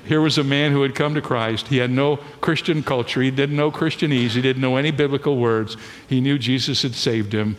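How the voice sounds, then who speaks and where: A middle-aged man preaching a sermon in a church, telling stories with animation and slowing down to stress key lines. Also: medium pitch. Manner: animated storytelling preacher, slows for emphasis. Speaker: pastor. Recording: long reverb of a large hall.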